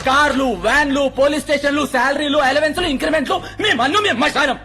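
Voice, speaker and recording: An enraged official, firing off a sarcastic tirade. His voice is high, bright and fast, with faint music under it. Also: fairly even intonation, heavily acted. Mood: furious. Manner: shouting, sarcastic, rapid tirade. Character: furious middle-aged official berating police chief. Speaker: senior official scolding police.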